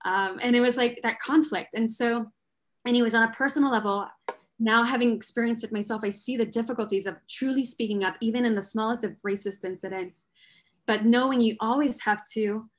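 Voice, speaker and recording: A woman's voice: a little high, a little fast. A woman on a panel discussion, telling a personal story in an earnest, reflective way with many fillers and restarts. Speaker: panel guest. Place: New York.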